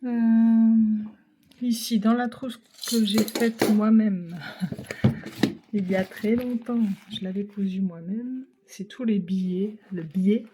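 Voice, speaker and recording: A woman's voice: mid-range voice, steady tone, slow. A woman with a Ch'ti accent, touring her craft supplies in a casual way and hesitating with many fillers as she thinks aloud. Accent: Ch'ti (northern French). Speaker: craft vlogger. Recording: loud crinkling and clicking handling noise. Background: rustling of packaging and boxes.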